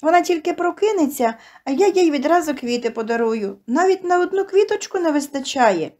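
A woman's voice: high-pitched, expressive, a little fast, a little mellow, voice pushed up. A woman voicing a shy, tearful little girl who pleads between sobs in an audio story. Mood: tearful pleading. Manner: sobbing, pleading.

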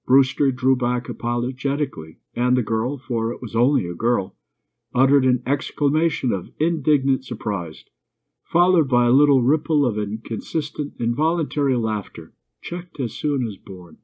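A man's voice: mid-range voice, lively intonation, moderate pace. Man reading a story, muffled audio. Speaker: narrator. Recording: dull lo-fi recording.

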